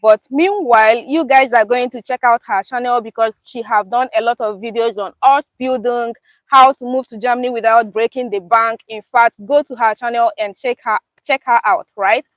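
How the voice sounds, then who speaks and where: A woman's voice: a little high, moderate pace, dry recording, low-quality recording. A young woman hosting a casual live-stream chat in a park, upbeat and laughing often. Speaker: YouTube host. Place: outdoors in a park.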